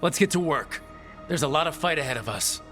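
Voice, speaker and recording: A man's voice: a little high, lively intonation, fairly quick, fairly bright tone, soft background music. A man playing an earnest young hero and party leader in a fantasy game, direct and plain-spoken. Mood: resolute.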